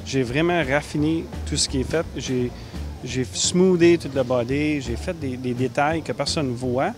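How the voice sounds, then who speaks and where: A man in his thirties with a Québécois accent, talking earnestly about building cars, with some halting restarts. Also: mid-range voice, music in the background. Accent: Québécois French. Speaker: car builder. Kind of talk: casual interview.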